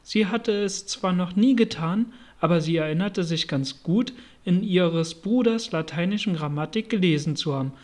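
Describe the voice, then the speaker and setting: A narrator reading a storybook aloud in a calm, even storytelling manner. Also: mid-range voice, normal speed, hardly any pauses. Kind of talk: audiobook narration.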